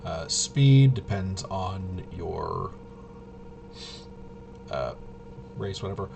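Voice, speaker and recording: A man with a low, animated, creaky voice talks extremely slowly over a noisy background. As host of a tabletop RPG channel, he casually thinks aloud through a game walkthrough, rambling, muttering to himself and tossing in playful little interjections.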